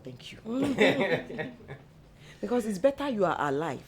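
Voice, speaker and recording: A woman's voice: mid-range voice, very animated, slow pace. A middle-aged woman, giving earnest faith-based advice in a church talk. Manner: earnest, exhorting, mixes in local slang. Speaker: co-host, church mother.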